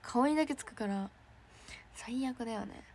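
Young idol girl on a fan stream, high chirpy voice, chatty and bubbly, squeals when excited. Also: moderate pace. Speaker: idol trainee streaming to fans. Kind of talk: casual livestream chat reading fan messages.

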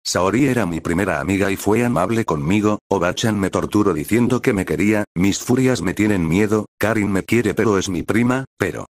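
Blunt teen ninja boy, confused, deep dry voice a guy reading him out. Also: fairly quick, hardly any pauses, no echo, lightly acted. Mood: puzzled. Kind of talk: fan story narration.

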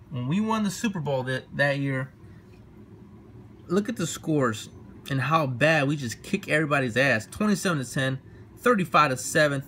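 This laid-back vlogger films a room tour of his small home bedroom on a handheld phone, boasting as he goes. His voice is a bit high with a sharp edge, and there's slight background noise.

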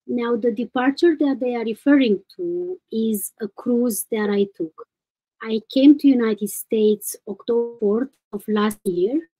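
A Romanian woman in her thirties calls in over video from a room at home, hesitantly giving a detailed, step-by-step account of her situation. Her voice is mid-range and warm, and the webcam recording is low quality.

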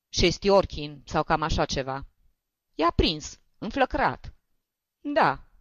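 A calm older male lawyer chatting with easy, mocking condescension, read by a woman. His talk swings up and down lively, and the sound is dry and a touch dull, like a lo-fi audiobook. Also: lowish voice, no room sound.

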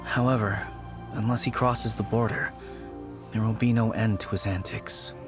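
A man's voice: lowish voice, steady tone, close to an everyday voice. Man voicing a sober, formal undertaker over music. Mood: composed, serious. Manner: formal, measured, serious. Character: sober, loyal male undertaker. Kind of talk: animated game character acting. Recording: clear music behind the voice.

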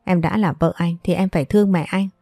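A woman's voice: fairly low pitch, fairly even intonation, a little fast, gravelly, warm tone, no room sound, soft background music. A woman voicing a stern husband who scolds curtly and reproachfully. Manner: curt, reproachful.

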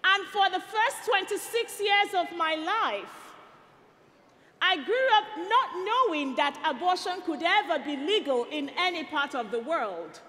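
A woman from Nigeria in her thirties giving a rousing speech to a youth rally on an arena stage through a headset mic, building to rallying shouts and call-and-response. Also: very high-pitched, expressive, a little slow, slight background noise. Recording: long arena reverb. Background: arena hall.

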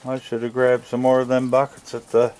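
A man's voice: medium pitch, monotone, a little fast, a little mellow. An older man hosting a casual outdoor chat, easygoing and offhand as he counts and comments, holding the phone camera himself on a deck at night. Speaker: host filming raccoons. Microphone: phone camera in his hand.

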